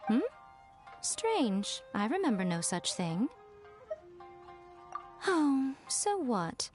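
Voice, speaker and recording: Yae Miko, sly lilting fox shrine maiden. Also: female voice, on the high side, big pitch swings, extremely slow, loud music behind the voice, heavily acted. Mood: smug, teasing. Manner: coy, teasing, self-satisfied. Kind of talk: anime video game voice acting.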